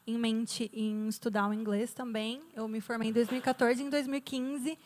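Woman, somewhat high pitch, upbeat, friendly, studio panel guest. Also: steady tone, moderate pace. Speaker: guest student. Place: TV studio set. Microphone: handheld mic.

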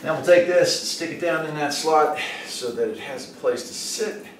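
In his indoor home workshop and garage, a middle-aged American man hosts a casual, hands-on demonstration, chatting in a folksy way. His voice is on the high side at a moderate pace, captured by a distant mic in an echoey room with faint noise.

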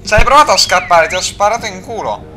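A man's voice: high-pitched, animated, fast talker, sharp tone. A young man doing joking, swearing commentary over a video game he plays, with game music behind. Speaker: let's play commentator. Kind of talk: excitable gameplay commentary.

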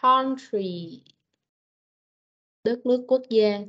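A woman's voice: fairly high pitch, slow pace. A woman with a Vietnamese accent teaching English vocabulary to children in an online class, patiently repeating words to drill pronunciation. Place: online meeting. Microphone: video call. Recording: dull lo-fi meeting recording.

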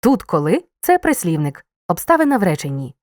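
A woman reading a scripted grammar lesson, explaining clearly and stressing key words. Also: on the low side, big pitch swings, brisk, darkish tone, no echo, studio quality. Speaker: teacher.

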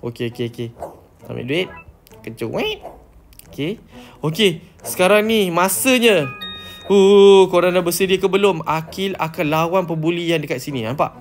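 A man with a Malaysian Malay accent hosting a game channel, giving excited, playful commentary on an obby run and calling himself by name. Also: sits high, normal speed. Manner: playful, refers to himself in third person. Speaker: gaming channel host. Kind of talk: excited Roblox let's-play commentary. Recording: light background music.

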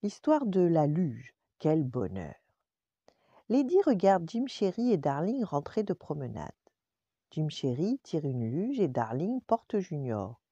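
An older woman, a grandmother, reading a bedtime story aloud with expressive storytelling. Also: sits low, takes it slowly, breathy edge, no echo, highs cut off.

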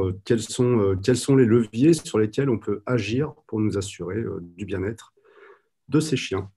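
A man gives a conference presentation over a video call, speaking from a room at home. His voice is low and husky with a dark, mellow tone. He talks hesitantly, filling his pauses with constant fillers. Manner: hesitant, many "euh" fillers. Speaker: guide dog trainer presenting at a conference.

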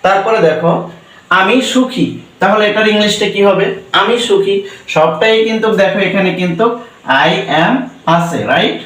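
A man's voice: sits high, moderate pace, fairly bright tone. A man with a Bengali accent teaching spoken English, spelling words letter by letter and asking and answering his own questions. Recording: roomy echo, distant mic.

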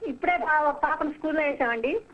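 A woman's voice: sits high, fairly quick, fairly bright tone, low-quality recording. A young woman calling in to a quiz show by phone, giving short, polite, hesitant replies.

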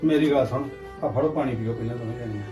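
Man playing a soft-spoken coaxing father. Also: medium pitch, fast talker, over music, close to an everyday voice. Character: gentle father soothing his wife and daughter. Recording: echoey room, distant mic.

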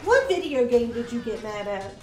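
A woman's voice: fairly high pitch, sing-song, normal speed, a little mellow, echoey room, faint music behind. A woman asking teasing questions in casual stream chat.

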